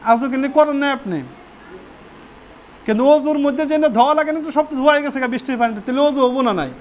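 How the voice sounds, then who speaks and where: Male mufti, pitched very high, preaching in a question-and-answer manner. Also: fast talker, slight background noise. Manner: asks the audience questions and answers them himself. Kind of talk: Friday sermon on prayer rules.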